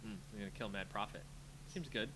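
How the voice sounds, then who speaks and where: While playing a card game for his channel, a man with a lowish voice talks quickly over background noise. His casual live commentary is mostly playful self-talk, mumbled thoughts and sing-song filler.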